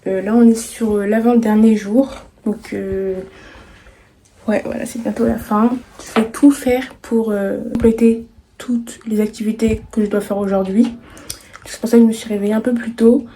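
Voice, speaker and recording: A woman's voice: on the high side, level tone, normal speed, warm tone, slight background noise. Chatty young woman vlogging on the go. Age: 20s. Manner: chatty, self-conscious asides to viewers. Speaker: travel vlogger. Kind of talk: casual solo travel vlog. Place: outdoors, walking through parks and streets.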